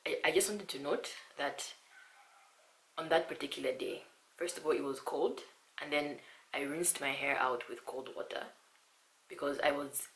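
Hoarse young woman vlogging from home, half-whispering, bright voice, echoey room with a bit of hiss. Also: low voice, moderate pace, pauses often. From Zambia. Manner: half-whispering, soft and hushed at times. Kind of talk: casual chat. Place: small quiet room at home.

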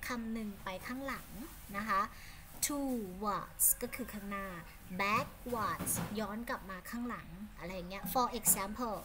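A woman with a Thai accent teaching English to children online, giving warm praise and speaking her English slowly. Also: medium pitch, background noise. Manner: warm praising, switches between Thai and English, slow deliberate English.

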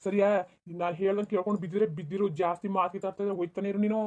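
Bossy village husband voiced by a performer, fast and fuming. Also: medium pitch, flat delivery, dull audio, close to an everyday voice. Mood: angry berating. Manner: shouting, berating, rapid. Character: quarrelsome village husband, bossy and quick-tempered. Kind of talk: cartoon voice acting.

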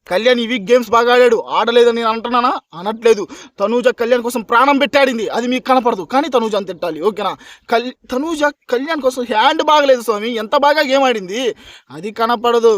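A man's voice: extremely high pitch, a bit bright, no echo, studio quality. A man reviewing a reality show in a heated rant, arguing hard and repeatedly checking that his listeners agree. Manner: combative, keeps asking listeners "okay?"; argumentative, repeats points for emphasis. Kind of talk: heated opinion rant to camera.

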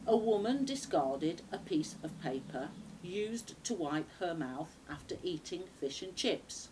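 A woman reading scripted dictation in a deliberate way, phrase by phrase with pauses, recorded outdoors by a camera a few metres away. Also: lowish voice, animated, noisy background. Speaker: shorthand dictation reader. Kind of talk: measured shorthand dictation read from a script. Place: small outdoor backyard patio.

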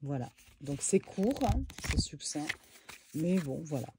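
A woman casually reviewing a tarot deck for her viewers in a room at home, relaxed and chatty, with lots of fillers and small asides. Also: low-pitched, unhurried, background noise.

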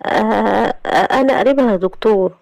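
A woman's voice: mid-range voice, quick pace, gravelly, a little mellow, dry recording, pitched above the performer's own voice, lightly acted, poor audio. A woman voicing a frightened young man with an Egyptian accent, stammering in alarm. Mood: anxious. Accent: Egyptian Arabic. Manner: tense, stammering.

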